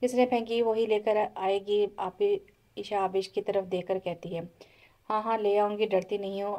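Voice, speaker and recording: A woman narrating an audio novel in a calm, steady storytelling voice. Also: mid-range voice, low-quality recording.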